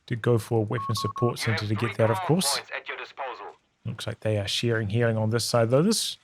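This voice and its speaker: A man giving relaxed, analytical play-by-play commentary on a strategy game replay, thinking aloud as the match unfolds. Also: on the low side, a little fast, a loud crowd. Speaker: game caster. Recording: game battle sounds over the voice. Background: game gunfire and artillery.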